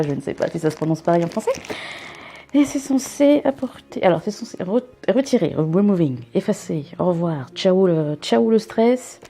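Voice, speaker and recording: A young woman with a fairly low, mellow voice and vocal fry vlogs a subscription box unboxing at home. Speaking into a camera mic, she rambles casually and adds self-mocking asides.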